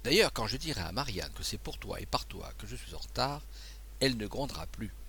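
A man's voice: mid-range voice, sing-song, fairly quick, pushed and bright, slight background noise. Man doing a flustered, stammering old-style abbé. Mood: chatty. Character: excitable fussy male abbé, flustered and kindly. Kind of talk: audiobook dialogue.

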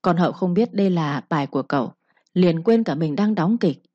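A woman narrates a dramatic audiobook in a steady storytelling manner. Her voice is low, dark and husky. The dry recording sounds dull and lo-fi. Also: fairly quick, dry recording.

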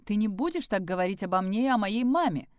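Ревнивый итальянец в исполнении женщины. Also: female voice, mid-range voice, expressive, fast, darkish tone, no echo, studio quality, close to an everyday voice. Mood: tense. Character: jealous 40-year-old Italian man, mother's boy.

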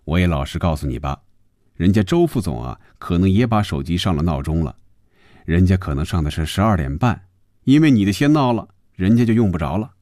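A man's voice: deep voice, expressive, brisk, dark tone, no room sound, studio quality. A male storyteller voicing an easygoing salesman who talks in a coaxing, joking way. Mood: teasing.

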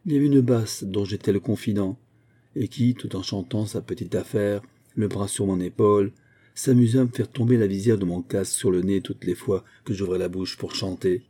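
Brief: male reader as an exasperated old singing master, husky and mellow. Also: fairly low pitch, steady tone, moderate pace, close to an everyday voice. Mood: grumbling. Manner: exasperated, scolding. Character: old Italian singing master, irascible, fussy.

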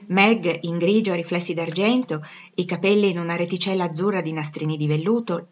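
A woman narrating a classic novel with a measured, expressive reading. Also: mid-range voice, highs cut off. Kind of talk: storybook narration.

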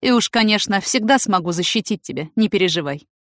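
A woman's voice: mid-range voice, lively intonation, fairly quick, a bit bright, no room sound, studio quality, close to an everyday voice. A woman voicing a composed, confident young man who speaks firmly and evenly. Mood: reassuring.

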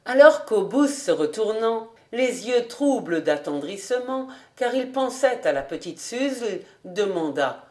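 Slow, measured French woman reading aloud. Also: a little high, big pitch swings. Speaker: audiobook reader. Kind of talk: audiobook narration of a classic novel.

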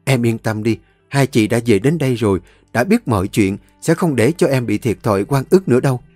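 A man's voice: mid-range voice, lively intonation, a little fast, a little mellow, no echo, soft background music, close to an everyday voice. A man voicing a determined, protective elder sister who speaks firmly.

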